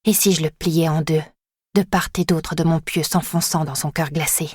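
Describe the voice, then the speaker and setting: Low-voiced woman reading a dark novel. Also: fairly even intonation, normal speed, slightly rough, no room sound, clean studio sound. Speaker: audiobook narrator. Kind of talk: first-person scripted narration.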